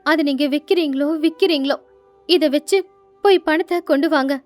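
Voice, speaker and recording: A woman's voice: high voice, brisk, faint music behind, lightly acted. A woman playing a caring young fisherman's wife. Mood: comforting. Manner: gentle, pleading. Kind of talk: storybook narration with character voices.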